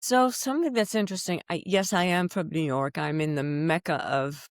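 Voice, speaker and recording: A middle-aged Belgian woman with a fairly low voice speaks at a moderate pace on a dry, studio-quality recording. She's a wedding officiant appearing as a podcast guest, chatting expressively in a casual interview and restarting her sentences a lot.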